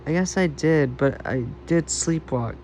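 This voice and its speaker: A man voicing a clumsy, cheerful teenage girl in an amateur fan story reading, halting over his words. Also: a little high, darkish tone, slight background noise, lightly acted. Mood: pleading.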